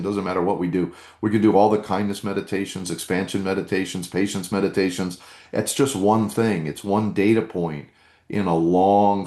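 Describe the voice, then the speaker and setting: A man's voice: deep voice, a little mellow, echoey room. A man hosting a live meditation workshop, coaching earnestly and reading out chat comments.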